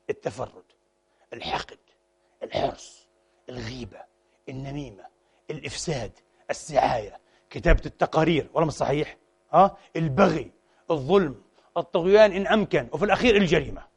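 A man preaching a sermon, switching between formal in a lively, animated manner. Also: a little high. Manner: animated, mixes formal Arabic with colloquial dialect, acts out quoted voices.

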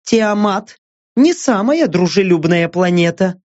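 A male audiobook narrator voicing a brisk, practical young woman, raising his voice and speaking firmly. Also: high-pitched, expressive, a little mellow. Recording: dull lo-fi dry audiobook.

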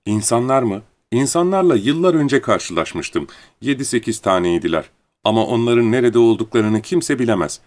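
A man's voice: medium pitch, animated, moderate pace, darkish tone, lightly acted. A man voicing a plain little desert flower who speaks in a detached, matter-of-fact way. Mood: aloof.

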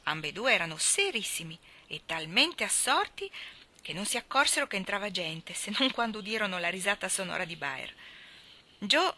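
Female audiobook reader, sharp bright tone, expressive and measured. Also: medium pitch. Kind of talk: audiobook reading of a classic novel.

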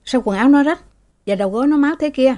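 A woman reading a story, voicing an anxious old manservant who hushes the children. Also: medium pitch, animated, moderate pace, natural voice. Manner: urgent, nervous.

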